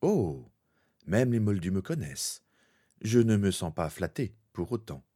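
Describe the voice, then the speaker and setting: A man's voice: on the low side, sing-song, measured pace, warm tone, breathy edge, exaggerated voice. A man voicing a haughty, cruel young wizard in a fan fiction reading, speaking with arrogant possessiveness.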